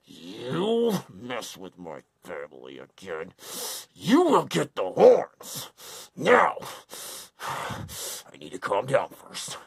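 A man playing a raspy, hot-tempered cartoon boy. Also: mid-range voice, wildly swooping pitch, no echo, heavily acted. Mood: threatening. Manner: grumbling, threatening, quick to anger. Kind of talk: hobby cartoon fan dub.

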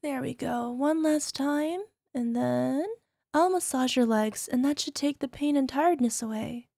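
This very high, girlish woman's voice, exaggerated and a little slow with vocal fry and a warm tone, belongs to a young yandere wife in an ASMR roleplay aimed at the listener. She coaxes and coos tenderly yet possessively, sweet on top and controlling underneath. No echo or room sound is present.

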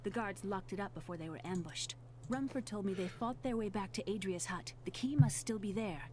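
A woman's voice: mid-range voice, a little fast, darkish tone, slight background noise, lightly acted. An actress playing an earnest, determined young woman adventurer in a video game, speaking plainly. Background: game music.

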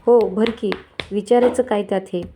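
A woman reading the part of a kind, gentle elder sister-in-law with a soothing manner. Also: mid-range voice, steady tone, moderate pace, background noise, close to an everyday voice.

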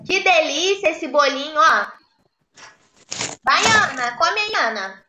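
A preschool teacher, a woman, reads a picture book to her class in a high, unhurried voice, coaxing the children to join in. The sound is echoey, with clear noise underneath it. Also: lively intonation.

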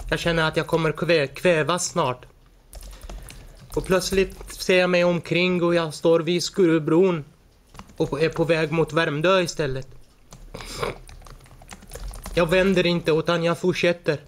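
Guy in his 40s testifying in court, high flat voice, keeps tripping over words. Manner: halting, stumbles and restarts words. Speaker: defendant. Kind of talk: court testimony, personal account.

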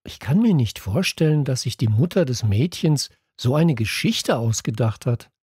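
A middle-aged man with a husky voice, giving expressive scripted narration of a children's audiobook. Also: mid-range voice, normal speed, no room sound, clean studio sound. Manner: expressive storytelling.

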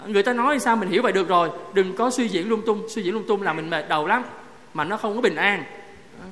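Male priest, sermon, high voice, long church echo, chatty, asks the congregation questions. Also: fast, fairly bright tone. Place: parish church. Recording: echoey church hall, faint noise.

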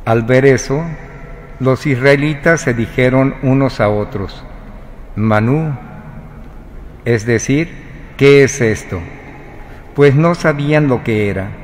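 Slow man reading scripture in a cathedral. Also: mid-range voice, slight background noise. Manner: slow, measured proclamation. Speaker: lector. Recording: reverberant cathedral broadcast.

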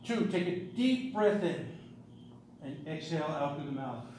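A man's voice: on the high side, lively intonation, darkish tone. Echoey, distant male stage hypnotist. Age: middle-aged. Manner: commanding, deliberate, repetitive phrasing. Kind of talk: live stage hypnosis patter, giving suggestions to volunteers. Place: medium-sized carpeted indoor meeting room. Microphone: distant camera across the room. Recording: roomy echo, distant camera mic, background noise.

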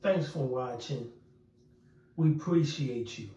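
A man's voice reading a channel outro, very slow and drawn out. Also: mid-range voice, warm tone. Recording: distant, echoey, dull.

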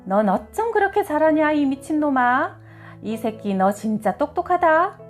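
A woman's voice: high voice, very animated, moderate pace, faint music behind, voice pushed up. A woman voicing a furious, foul-mouthed middle-aged mother who shrieks insults and wails in prayer.

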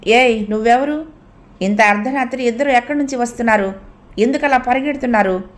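A woman voicing a bullying male night-beat policeman, gruff and interrogating. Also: on the high side, quick pace, natural voice. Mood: demanding.

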